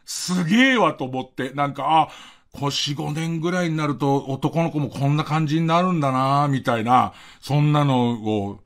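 A man's voice: a little high, moderate pace. A man hosting a late-night radio show, telling a rambling personal anecdote full of fillers. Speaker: radio host.

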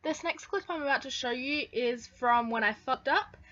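A woman's voice: high voice, moderate pace, sharp tone, muffled recording. A young woman in her late teens giving a rambling, casual DIY tutorial at home, swearing offhandedly. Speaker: vlogger. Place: home, at a table. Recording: roomy echo, voice distant from mic.

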